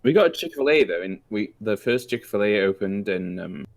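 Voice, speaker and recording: British man in his thirties, very low voice, hesitant co-host full of fillers. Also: lively intonation, brisk, no room sound. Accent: British English. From England. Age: 30s. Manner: hesitant, many fillers, laughs easily. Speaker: podcast co-host. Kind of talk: casual chat.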